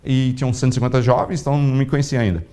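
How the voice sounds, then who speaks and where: A man preaching a sermon as a pastor, telling a story with animated, acted-out dialogue. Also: very fast. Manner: animated storytelling, acting out dialogue with big pitch swings.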